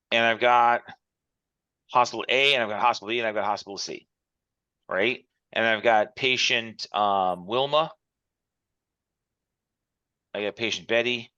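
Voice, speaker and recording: A man's voice: lowish voice, normal speed, long pauses, pushed and bright, no room sound. Male instructor on a conference call, explaining step by step, muffled and dry. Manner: walks through examples step by step. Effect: heard over a conference call. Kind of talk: online class lecture.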